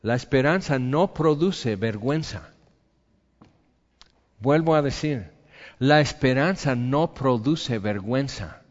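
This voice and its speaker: A man preaching a sermon, swinging between loud emphatic lines and soft quiet ones. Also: medium pitch, expressive, slow, long pauses, in a large hall, highs cut off. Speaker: pastor.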